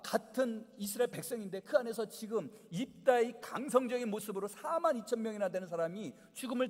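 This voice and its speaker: Animated preaching man. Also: high voice. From Chungcheong, South Korea. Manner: animated preaching with rhetorical questions. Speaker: pastor. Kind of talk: Sunday sermon. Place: church sanctuary. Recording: long church hall reverb.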